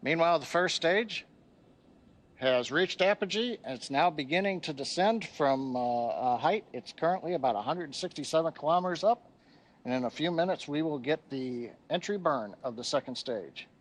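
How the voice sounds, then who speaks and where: Higher-voiced man giving launch commentary. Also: expressive, normal speed. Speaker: launch webcast host. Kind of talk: live technical commentary.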